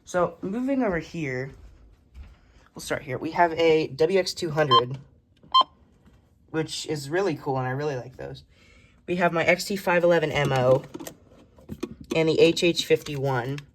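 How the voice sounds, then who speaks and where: This is a show-and-tell of a radio collection, filmed on a handheld phone from behind the camera in a room full of electronics shelves. The hobbyist speaks at a medium pitch, going through the pieces one at a time in a casual, stop-start, list-like manner, with slight background noise.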